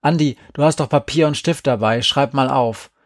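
A man's voice: medium pitch, moderate pace, dry recording, studio quality, lightly acted. A man reading the part of a bossy young girl who loves her plans, in an eager, persuasive way. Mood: eager scheming.

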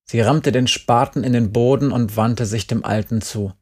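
A man reading an audiobook aloud in a measured, unhurried narration. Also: mid-range voice, fairly even intonation, slightly rough. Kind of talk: scripted narration.

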